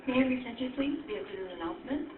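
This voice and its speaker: Woman on a school intercom, formal even announcing, tinny echoey loudspeaker with hiss; office announcer. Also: fairly high pitch, very fast.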